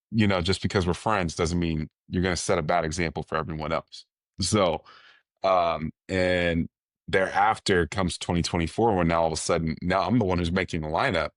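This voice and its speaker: A man's voice: deep voice, dry recording, studio quality. A young adult man talking casually as a podcast guest, rambling and restarting his sentences, with lots of "you know.". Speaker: podcast guest, baseball coach.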